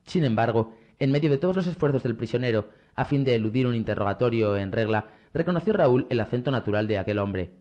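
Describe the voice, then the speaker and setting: A man reading a novel aloud as an audiobook narrator in a measured, steady way. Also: mid-range voice, lo-fi sound. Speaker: audiobook reader. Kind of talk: scripted narration.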